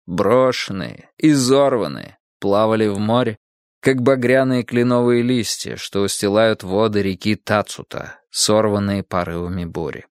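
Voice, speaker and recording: A man narrating a history audiobook in a measured, dramatic storytelling manner. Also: on the low side, dry recording, studio quality.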